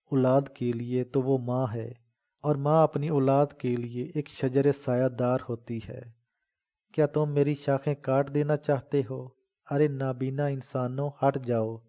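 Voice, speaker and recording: A man's voice: mid-range voice, little pitch movement, dark tone, close to an everyday voice. A man voicing a fierce, protective old village mother in a dramatic audiobook reading, talking fervently and scolding. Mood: fierce defiance.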